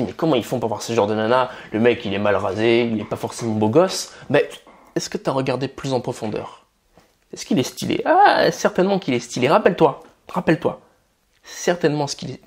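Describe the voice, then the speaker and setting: A male coach from France talks to the camera in a loose, conversational way, blunt and a little crude, often calling the listener buddy. His pitch is mid-range for a man but swings widely and expressively from phrase to phrase. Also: a little mellow, husky. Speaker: dating and style coach. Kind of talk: casual direct-to-camera advice.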